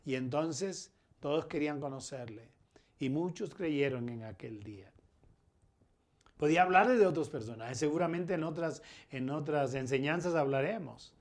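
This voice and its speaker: A middle-aged man with a Colombian accent preaching a sermon as pastor, his loudness rising and falling as he presses his points. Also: on the high side, normal speed. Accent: Colombian Spanish.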